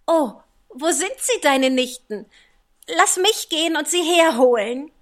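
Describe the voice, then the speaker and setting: Man doing a polite curious little girl, high storybook voice, slow and earnest, dry recording. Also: a bit bright, heavily acted. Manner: polite and eager. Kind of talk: audiobook character voice.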